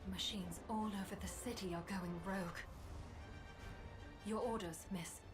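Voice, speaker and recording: A woman voicing a calm, polite female robot companion in a video game, speaking in a measured, courteous way over game music. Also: medium pitch, close to an everyday voice. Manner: measured, courteous, softly even delivery.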